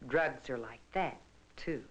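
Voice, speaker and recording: A woman's voice: extremely low pitch, takes it slowly. A woman reading scripted narration for a 1970s educational film in a cautionary storytelling manner. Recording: noisy vintage film soundtrack.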